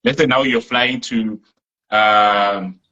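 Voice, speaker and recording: A man's voice: lowish voice, fairly even intonation, slow, sharp tone, dull audio. A man interviewing a guest with curious questions that he often starts over.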